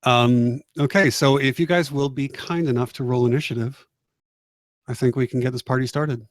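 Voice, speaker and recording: A man's voice: medium pitch, steady tone, normal speed, no echo, clean studio sound. Playful man running a tabletop game. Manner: playful, teasing. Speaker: game master. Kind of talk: narrating a tabletop game over voice chat.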